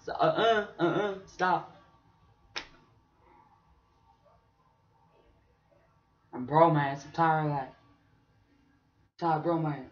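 A man's voice: high voice, fairly bright tone. A young man playing a rambling, opinionated redneck vlogger with a rural drawl. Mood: grumbling. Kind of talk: casual vlog rambling in character. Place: small bedroom, indoors. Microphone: webcam or laptop mic at arm's length. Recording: dull lo-fi webcam sound.

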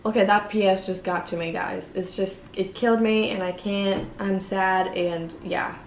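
A woman's voice: mid-range voice, steady tone, normal speed. A woman in her twenties from Russia reads online comments aloud and reacts casually in exasperated disbelief. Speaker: vlogger. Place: indoor room at a table. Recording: roomy echo, faint background noise.

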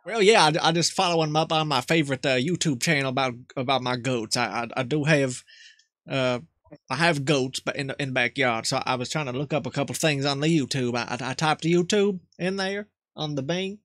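A man's voice: medium pitch, a little fast, a bit bright, no echo, clean studio sound, natural voice. A man voicing a flustered, rambling rural old man who stammers and repeats himself in a comedy prank call. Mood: flustered, folksy.

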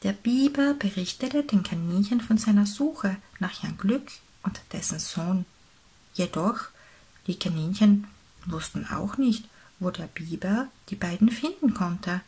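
A woman reading a picture book aloud for young children, softly and slowly, often close to a whisper. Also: mid-range voice, breathy edge. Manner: soft, slow, near-whispered reading. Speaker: storybook reader.

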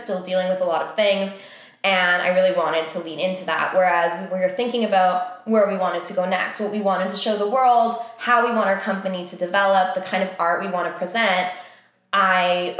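A woman's voice: mid-range voice, fairly bright tone. A young woman, a theatre company co-founder and director, talking casually and thinking aloud with lots of fillers. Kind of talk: casual conversation. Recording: very echoey room.

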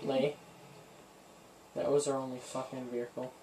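A man's voice: mid-range voice, flat delivery, normal speed, dark tone. A young man in casual, sweary gaming banter, complaining in exasperation from a couch indoors. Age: teens or young adult. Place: small room indoors on a couch. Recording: noisy, distant room recording.

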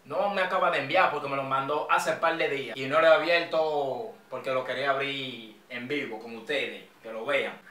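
A young man with a Dominican accent chats to his viewers in rowdy, joking slang. His voice is bright and a little high. The echoey room and distant mic make it sound roomy. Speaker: vlogger. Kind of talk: casual street-slang vlog.

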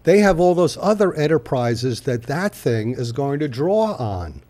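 An older man giving public comment at a city council podium microphone, talking conversationally with many halting pauses. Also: on the high side, big pitch swings, dark tone.

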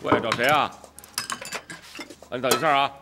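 A man's voice: medium pitch, steady tone, moderate pace, heavy background noise, lightly acted. An actor playing an easygoing young husband chatting with his wife and mother.

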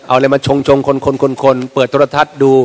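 A man's voice: mid-range voice, fast. A man, a religious teacher, gives an informal lecture and livens it up by acting out small everyday scenes. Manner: lively storyteller who acts out little everyday scenes. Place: mosque prayer hall. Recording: long reverb of a large prayer hall.

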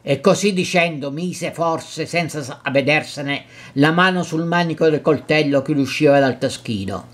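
A man narrating a classic novel in a measured reading, with occasional slips and restarts. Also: fairly high pitch, fairly bright tone.

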